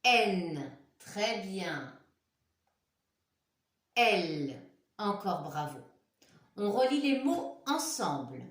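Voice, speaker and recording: A woman's voice: medium pitch, very animated, very slow, pauses often, roomy sound. A woman teacher leading a phonics lesson for young children, spelling out letters one by one and praising the pupils. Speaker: primary school teacher.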